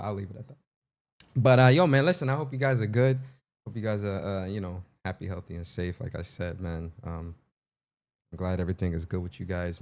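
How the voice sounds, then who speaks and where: A young man hosts a casual livestream and talks straight to his chat. He is playful and animated, loud and high when teasing, low and quiet in his asides. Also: gravelly. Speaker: livestream host.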